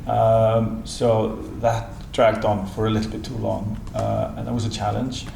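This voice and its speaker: Hesitant Icelandic man, gravelly voice. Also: fairly low pitch, level tone, unhurried, mellow. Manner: hesitant, many fillers and restarts. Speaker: film director. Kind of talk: festival interview. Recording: echoey room, faint noise.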